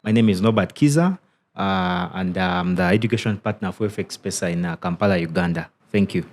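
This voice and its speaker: Male guest educator, somewhat low pitch, halting conversational delivery. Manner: thoughtful, halting with restarts and "you know". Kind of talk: casual podcast interview.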